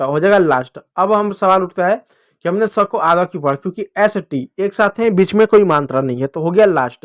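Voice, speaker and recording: High-voiced man teaching phonics to children. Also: no room sound, clean studio sound. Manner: patient, repeats and asks pupils questions.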